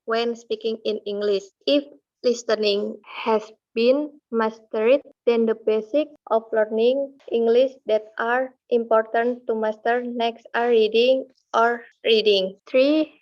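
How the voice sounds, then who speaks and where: Young woman reading slowly and carefully. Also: fairly high pitch, fairly even intonation, lo-fi sound. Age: young adult. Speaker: student presenter. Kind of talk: reading a class presentation.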